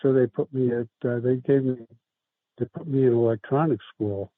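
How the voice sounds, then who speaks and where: An older man from South Brooklyn, New York, speaks over a tinny line as a guest in a casual life-story interview, rambling and halting with many restarts and fillers. His pitch is medium, and the dry, phone-like sound has no room sound.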